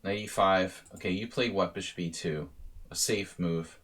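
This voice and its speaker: A deep-voiced man coaches over a live chess stream, thinking aloud in a loose, casual way. He trails off and restarts, then pushes his voice up in rising bursts when a point matters. His tone is steady and a bit bright, at a normal speed.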